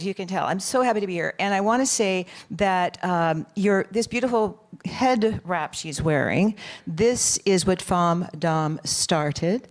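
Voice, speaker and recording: Chatty woman moderating a panel. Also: on the low side. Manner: chatty and effusive, with quick restarts.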